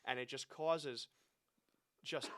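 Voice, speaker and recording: College-age guy cohosting a podcast, jokey and animated, mid-pitched voice. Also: slow pace. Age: 20s. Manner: animated, wry, joking. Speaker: podcast co-host. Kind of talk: casual chat.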